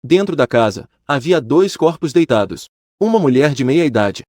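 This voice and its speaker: A man's voice: mid-range voice, very animated, normal speed, a little mellow, no echo, clean studio sound. A man reading a first-person story aloud in a dramatic storytelling cadence. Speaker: narrator.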